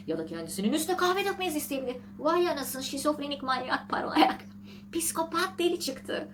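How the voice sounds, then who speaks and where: A woman hosting a casual vlog, reading an article aloud and mocking it with sarcastic asides and shrill outbursts, laughing often. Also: slight background noise. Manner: laughs often while talking. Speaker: vlog host.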